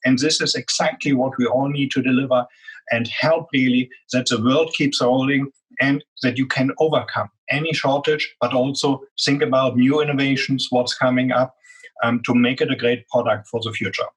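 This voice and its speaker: The audio is poor, but a man's medium-pitched voice comes through steady and at normal speed, with a breathy edge. Speaking with a strong German accent as a guest executive in a business interview, he explains earnestly, saying "um" often.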